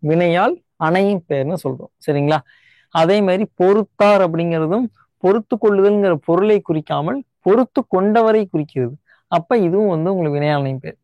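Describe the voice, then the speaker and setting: High-voiced Tamil teacher, dry close sound. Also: male voice, lively intonation, a little mellow, no room sound, dull audio. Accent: Tamil Nadu Tamil. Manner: explains step by step, often checks in with "right?"; repeats key words slowly to stress them. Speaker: Tamil grammar teacher for exam prep. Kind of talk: online exam-prep lesson.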